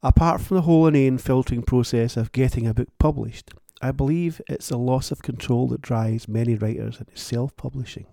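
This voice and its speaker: A man's voice: medium pitch, brisk, creaky, hardly any pauses, dark tone, dry recording, studio quality. A man who writes books, hosting his own show in a wry, plain-spoken and thoughtful solo monologue. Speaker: author and podcast host.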